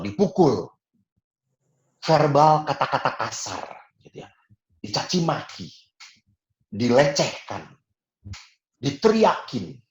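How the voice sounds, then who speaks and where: A man preaches a sermon in a mid-range voice, telling stories in a lively way. He speaks in a church hall, and his voice carries a roomy echo. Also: mid-range voice. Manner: storytelling, lively, often acting out quotes.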